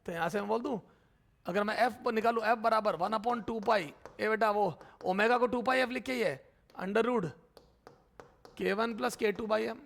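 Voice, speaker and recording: A man with a high, gravelly voice that has a creaky edge and a bit of brightness lectures on physics at the board. He fondly calls his students "beta" and both asks and answers their questions. As he writes, he drags out terms, repeating them slowly.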